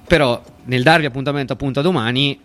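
Male radio host, medium pitch, informal live show sign-off delivery. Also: fast, a bit bright.

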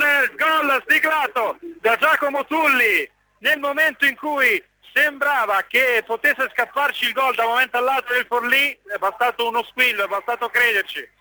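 A male football radio commentator, calling goals live with excited urgency and drawn-out repeated words. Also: very high voice, poor audio.

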